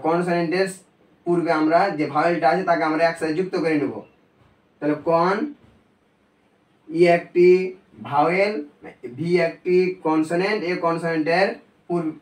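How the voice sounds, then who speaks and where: A man teaching a recorded video lesson, explaining step by step in a slow, patient way. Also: a little high. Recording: echoey room, voice from a distance.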